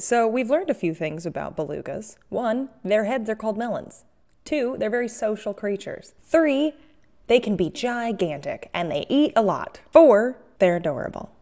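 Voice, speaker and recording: Woman, casual video host, playful, self-mocking, medium-pitched voice. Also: darkish tone. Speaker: host of an art-making video series. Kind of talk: casual chatty craft vlog.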